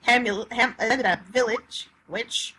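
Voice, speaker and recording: Reading a tabletop game rulebook aloud, this woman speaks slowly in a slightly high, sharp voice, tripping over the text now and then and adding jokes along the way. The audio is low quality with noticeable background noise.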